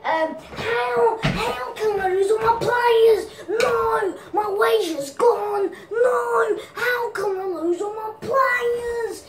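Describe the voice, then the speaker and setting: A woman's voice: very high voice, drawn-out words, few pauses, distant mic, slight background noise, pitched above the performer's own voice, full character voice. Woman doing a wailing gamer losing it. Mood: despairing. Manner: wailing, fake crying shouts. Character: distraught young male gamer losing his players. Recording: echoey room, from off mic.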